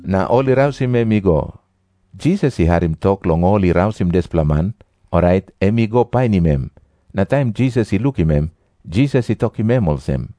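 Low-voiced Papua New Guinean male narrator. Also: animated, moderate pace, warm tone, no room sound. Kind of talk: scripted scripture narration. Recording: prominent music behind the voice.

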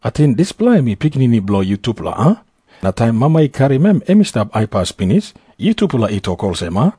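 A man's voice: mid-range voice, big pitch swings, fast, dark tone, breathy edge, no room sound, clean studio sound. A man with a Papua New Guinean accent playing a stern, suspicious Pharisee interrogator in a scripture drama. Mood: stern questioning.

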